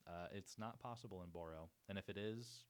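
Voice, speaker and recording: A man's voice: low voice, a little fast, clear, resonant tone. A man from Montana, a guest on a casual podcast, rambling with enthusiasm and swearing casually. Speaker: podcast guest, glass artist. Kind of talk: casual chat.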